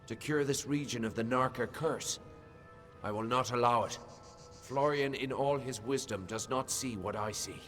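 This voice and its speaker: An actor playing a calm, coldly menacing male fey lord in a video game, speaking in a measured, quietly threatening way. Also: mid-range voice, natural voice. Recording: long reverb with game music behind.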